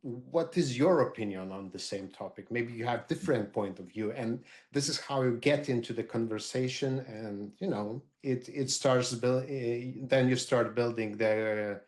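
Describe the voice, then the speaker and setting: A middle-aged man, speaking as a marketer on a group video call, halting with many fillers and restarts. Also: medium pitch, a little mellow. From Lithuania. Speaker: roundtable participant, marketer.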